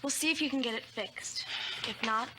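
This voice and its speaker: A woman's voice: fairly high pitch, moderate pace, noisy background, lightly acted. An actress playing a coolly menacing woman in old game footage.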